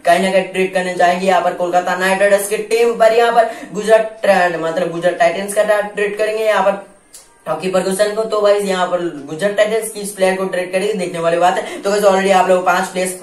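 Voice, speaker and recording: A young man running a casual cricket update vlog, talking straight to camera in an excitable way with folded hands, recorded indoors by a camera at medium distance. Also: sits high, fast talker. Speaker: cricket YouTuber. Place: indoor room with a plain backdrop. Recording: echoey room, voice off-mic.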